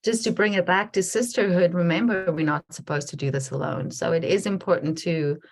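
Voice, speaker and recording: A woman with a fairly low voice hosts a casual conversation over a video call. She talks in a reflective, halting way and often restarts her sentences. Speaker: podcast host.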